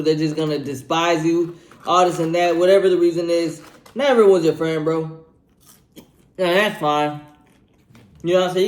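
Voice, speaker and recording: A twentysomething man with a fairly high, slightly mellow voice hands out casual life advice between bites of food, slangy and laid-back, repeating himself and ending lines with "bro." The room is echoey.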